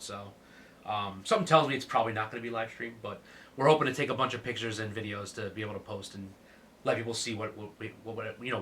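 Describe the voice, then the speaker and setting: Recorded on a distant mic with a little hiss or hum, a man hosts a podcast chat in a laid-back manner, laughing and using lots of fillers despite a cold-clogged nose. His pitch sits fairly low and his tone is sharp.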